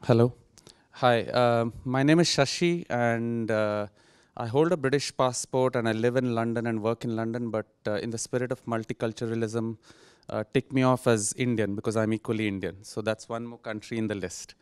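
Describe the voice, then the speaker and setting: Casting note: man, articulate co-author, very crisp resonant voice, dry close sound. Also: mid-range voice, fairly even intonation, normal speed, no room sound. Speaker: book co-author. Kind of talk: self-introduction at book launch. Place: seminar room. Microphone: handheld mic.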